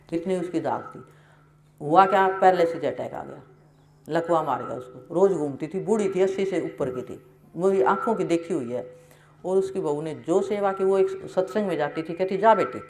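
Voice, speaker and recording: A woman's voice: on the low side, moderate pace, darkish tone. A woman giving a devotional sermon, telling homely stories in an earnest, folksy way. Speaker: satsang preacher. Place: ashram hall. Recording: roomy hall echo.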